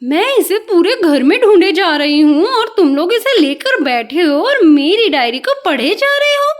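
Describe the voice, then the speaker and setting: A woman voicing a kind old grandmother who scolds gently but lovingly in a children's doll story. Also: very high voice, very animated, measured pace, heavily acted. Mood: surprised, scolding.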